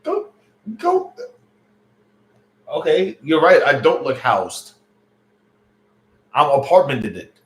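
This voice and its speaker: A livestream host in his late thirties talks slowly and pauses often, his voice on the high side with huge pitch swings. He's loose and chatty, joking with his chat and using many fillers. The home stream mic sounds roomy and echoey.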